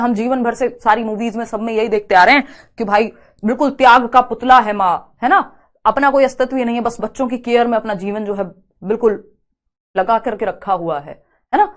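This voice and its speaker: Woman teacher, fairly high voice, rhetorical questions, dictating notes. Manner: explains with rhetorical questions and tag questions; mixes English terms into her explanations and dictates notes. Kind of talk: exam-prep lecture.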